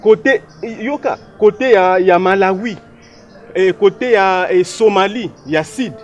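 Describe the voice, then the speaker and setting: A man's voice: sits high, slow pace, highs cut off. A man from DR Congo, giving emphatic, lecturing political commentary in a discussion and running through lists of places and dates.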